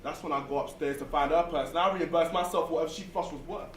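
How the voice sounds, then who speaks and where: A man's voice: fairly high pitch, quick pace. London man's one-man show, playing both parts. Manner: switches between narrator and quoted characters, slangy, rhythmic. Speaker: solo stage performer. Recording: echoey room from far off, faint noise.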